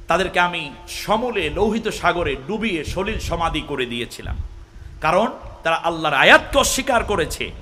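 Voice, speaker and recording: Man, sermon preacher, high voice, faint hiss behind. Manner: chants Quranic verses slowly; rises to shouting at climaxes. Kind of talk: Bengali waz sermon.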